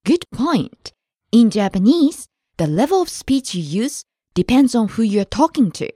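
Woman co-host, lively pitch, careful teaching delivery, dry close mic. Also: a little slow, husky, no room sound. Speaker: language lesson co-host and native-speaker model. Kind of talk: scripted podcast lesson.

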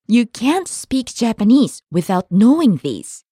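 Woman co-host, lively pitch, careful teaching delivery, dry close mic. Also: unhurried, husky, no room sound. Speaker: language lesson co-host and native-speaker model. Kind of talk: scripted podcast lesson.

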